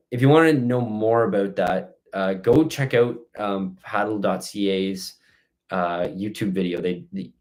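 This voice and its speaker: A man's voice: low voice, darkish tone. A man hosting a casual outdoor live-stream Q&A, reading out questions and giving rambling, stop-start answers.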